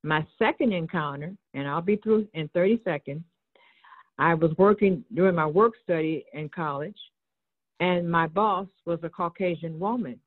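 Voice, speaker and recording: A reverend and board member from Chicago, USA, calls into an online discussion by cell phone, sharing an earnest personal testimony in a lowish voice at a moderate pace. She acts out the exchanges she describes, and the audio has the narrow sound of a phone line.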